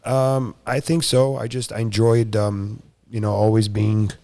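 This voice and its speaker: A man's voice: on the low side, little pitch movement, measured pace, warm tone, no room sound. A man from Brazil raised in South Florida, a jiu-jitsu competitor telling his story casually with lots of fillers. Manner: rambling, frequent "you know" and "uh" fillers. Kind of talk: casual interview chat.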